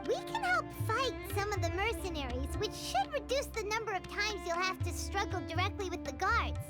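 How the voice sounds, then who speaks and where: A woman voicing a small, childlike, anxious and chatty floating fairy companion in a video game, with a squeaky voice. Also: sing-song, moderate pace, loud music behind the voice. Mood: eager, helpful. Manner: refers to self in third person.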